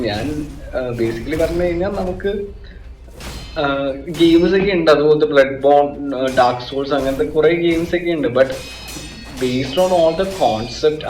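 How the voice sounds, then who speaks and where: A man's voice: mid-range voice, a little mellow. Echoey Malayali man chatting about gaming. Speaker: gaming YouTuber. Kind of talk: casual video-game guide talk mixing in English. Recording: echoey room with music behind. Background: background music.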